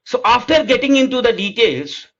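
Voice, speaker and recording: A man teaching literature, stepping slowly through English points and then explaining them quickly in Hindi, often asking questions and answering them himself. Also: extremely high pitch, very animated, fairly bright tone. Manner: slow, deliberate English lines and rapid Hindi explanations. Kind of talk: lecture mixing Hindi and English. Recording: dull lo-fi recording.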